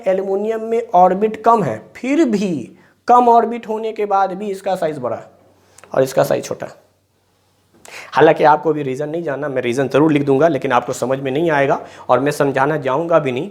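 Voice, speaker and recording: A man teaching a chemistry lesson, explaining patiently, repeating key points and calling his students beta. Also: sits high. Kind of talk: classroom lecture.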